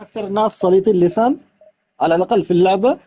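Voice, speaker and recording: Rapid-fire exasperated gamer man. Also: high voice, warm tone, poor audio. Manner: exasperated, complaining, swears oaths constantly. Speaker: gamer streamer. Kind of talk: live gameplay commentary.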